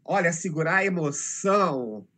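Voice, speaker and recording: A man's voice: a little high, lively intonation, normal speed, pushed and bright. A middle-aged Brazilian man telling emotional stories about teaching children in a casual conversation, acting out their voices. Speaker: teacher, interview guest.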